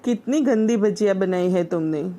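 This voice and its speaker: A woman's voice: medium pitch, normal speed, close to an everyday voice. A woman voicing a grumpy older village mother-in-law who nags and scolds sharply. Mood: nagging. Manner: sharp, nagging complaints.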